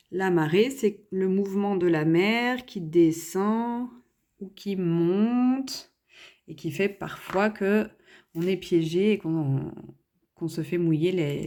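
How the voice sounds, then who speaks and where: Lady teacher reading out syllables super slow, patient, soft warm voice, explains easy words for little kids. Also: fairly low pitch. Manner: patient, simple word explanations for young children. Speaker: schoolteacher. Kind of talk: homework reading and dictation lesson.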